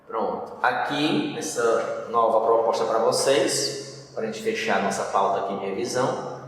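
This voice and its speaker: A man's voice: fairly low pitch, measured pace, fairly bright tone. A man with a Brazilian Portuguese accent teaching a recorded grammar lesson in a didactic way, often checking in with short tag questions. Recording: echoey room, voice from a distance, faint noise.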